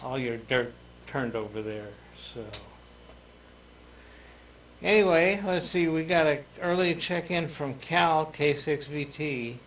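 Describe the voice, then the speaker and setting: A man hosting an amateur radio net check-in, speaking haltingly with many fillers over tinny radio audio with faint static. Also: on the high side, distant mic. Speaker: net control host of a ham radio net.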